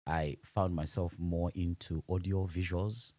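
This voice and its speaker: As a podcast guest, a man with a Zimbabwean accent conversationally answers interview questions about his audiovisual and livestreaming business, which he founded. His voice is low and darkish, measured in pace with fairly even intonation, in a dry recording.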